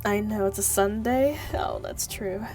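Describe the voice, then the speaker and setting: A woman's voice: mid-range voice, unhurried, a little mellow. A woman livestreaming a game in a playful, giggly manner, chatting to viewers and exclaiming in mock scolding. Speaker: live streamer. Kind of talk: chatty game livestream, thanking viewers and reading story text aloud. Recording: music playing behind the voice. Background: music.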